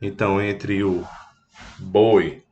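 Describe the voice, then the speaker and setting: A man's voice: low-pitched, fairly even intonation, darkish tone, lo-fi sound. A Brazilian man teaching a children's music lesson, patient and simple, mooing like a cow and strumming a guitar to show sounds. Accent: Brazilian Portuguese. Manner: slow, patient, with animal sound imitations; plays guitar while explaining.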